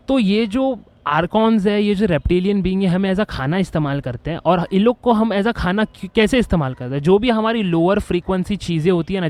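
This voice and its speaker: A man hosting a video, explaining his ideas in an earnest, excitable way with lots of restarts and English phrases mixed in. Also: high voice, no echo. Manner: excitable, with frequent restarts and fillers. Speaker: video host. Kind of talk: casual explainer monologue.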